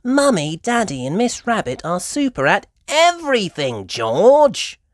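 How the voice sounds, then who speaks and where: A woman voicing an excitable, earnest little girl pig with wide-eyed exclamations in a children's storybook read-aloud. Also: mid-range voice, unhurried, no room sound, studio quality, pitched above the performer's own voice. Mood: earnest, proud.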